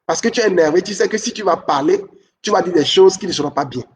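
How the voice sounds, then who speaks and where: A man giving relationship advice to camera, repeating his key points and often checking in with a quick "ok?". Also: high voice, far from the mic, a little hiss or hum.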